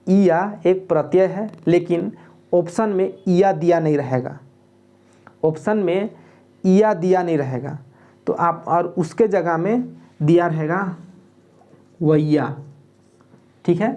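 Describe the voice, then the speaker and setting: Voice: mid-range voice, takes it slowly, pauses often, dark tone. A teacher giving an exam-prep grammar lesson, who repeats and spells out word parts and keeps checking in with "okay?" while explaining plainly.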